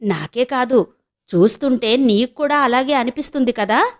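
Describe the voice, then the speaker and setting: A woman voicing a scheming elderly mother who talks in a slow, knowing, insinuating way in an audio novel. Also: on the high side, close to an everyday voice. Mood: sly. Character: scheming elderly village mother, sly and blunt.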